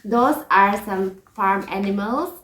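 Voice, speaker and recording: A woman's voice: mid-range voice, slow, a bit bright. A woman teaching an English lesson to children, patiently repeating each word and checking in with "okay?" and "right?". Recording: echoey room.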